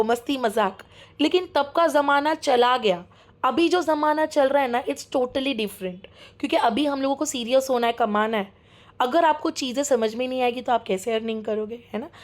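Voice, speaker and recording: A young woman teaching a live online class, chatty and encouraging, mixing English into her speech and often checking that students are following. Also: high-pitched. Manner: talks fast, keeps checking students follow. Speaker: online course mentor.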